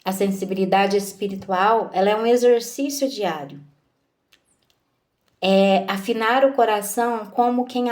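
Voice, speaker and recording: A woman giving a devotional talk, slow and measured, asking her listeners questions. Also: medium pitch, darkish tone.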